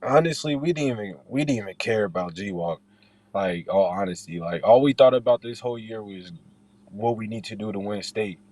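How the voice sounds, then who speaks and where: A man's voice: on the low side, normal speed, darkish tone, no room sound. A young man speaking as an interviewed basketball player, in an informal way, often repeating and rephrasing his points. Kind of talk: casual interview chat.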